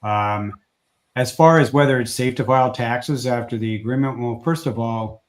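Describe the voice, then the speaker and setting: An immigration lawyer gives a legal update on a livestream, speaking haltingly with many fillers and restarts. His mid-range voice is a little hoarse because he's losing it slightly.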